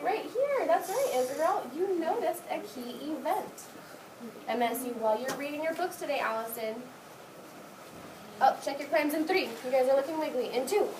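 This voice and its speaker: At a normal speed and in an animated, high voice, an elementary teacher reads aloud to young children in an indoor classroom, mixing terse directions with praise. The recording sounds distant and roomy, and background noise comes through clearly.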